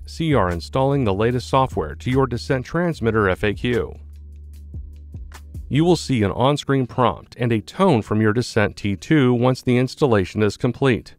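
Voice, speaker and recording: With background music behind him, a mid-range-voiced man reads a scripted product support tutorial. His delivery is measured, clearly enunciated, and instructional.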